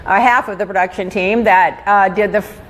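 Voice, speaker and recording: A middle-aged woman hosting a casual gossip chat, telling stories with animated, exasperated quoting. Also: mid-range voice, brisk. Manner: animated storytelling, acts out exasperated quotes. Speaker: talk show host.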